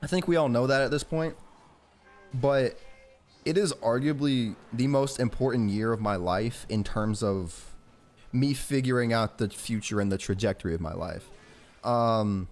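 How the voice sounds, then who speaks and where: A man's voice: mid-range voice, measured pace, darkish tone, faint music behind. A man in his early twenties from Georgia in the southern US, with an American accent, chatting informally and rambling as he commentates on a game. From Georgia, southern United States. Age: early 20s. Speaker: gaming YouTuber. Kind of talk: casual gameplay commentary with personal chat.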